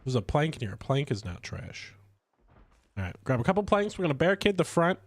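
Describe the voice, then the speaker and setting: A man chatting casually while streaming a game, stuffy from a cold, rambling with lively swings in pitch. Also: brisk, dry recording. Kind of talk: casual gameplay commentary.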